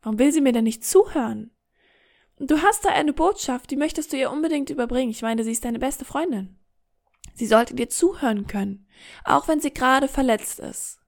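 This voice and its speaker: A woman's voice: sits high, lively intonation, fairly quick, creaky. A woman hosting a podcast monologue, speaking straight to the listener in an encouraging, vivid way and acting out little scenes. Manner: warm, encouraging, direct address. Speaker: podcast host, coach.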